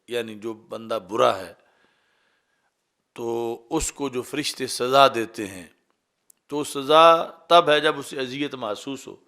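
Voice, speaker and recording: A man who is an Islamic scholar, giving a religious lecture in a measured, explaining way, with brisk stretches of recited Arabic. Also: medium pitch, a bit bright.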